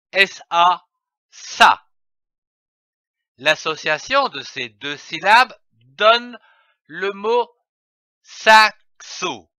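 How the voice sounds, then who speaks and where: A man teaching reading in a slow lesson, spelling out letters and repeating each syllable carefully. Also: sits high, sharp tone, dry recording.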